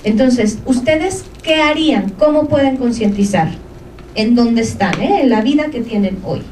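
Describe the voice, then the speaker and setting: A woman's voice: fairly high pitch, animated, measured pace, darkish tone, slight background noise. A woman gives an informative talk to a live audience and keeps checking in with short questions. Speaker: presenter of an information session. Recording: echoey room from a distance, faint ambience.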